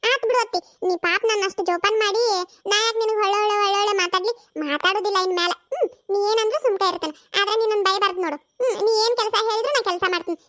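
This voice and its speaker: A performer doing a squeaky cheeky village girl with a North Karnataka accent. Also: a bit bright. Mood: teasing, squabbling. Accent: North Karnataka Kannada. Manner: rapid, teasing and quarrelsome. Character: cheeky sharp-tongued young village woman. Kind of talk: cartoon comedy voice acting.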